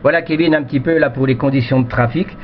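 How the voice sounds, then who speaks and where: Faint music plays behind a fast-talking, mid-range male voice. He's a French amateur radio operator rambling through casual, unscripted chat full of verbal tags, using a cheap headset microphone on a dull, noisy radio transmission.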